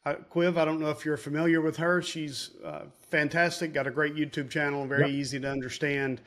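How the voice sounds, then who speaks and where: A man's voice: a little high, flat delivery, fairly quick, a bit bright. A man hosting a casual interview, chatty and poking fun at himself. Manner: chatty and self-deprecating. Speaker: host.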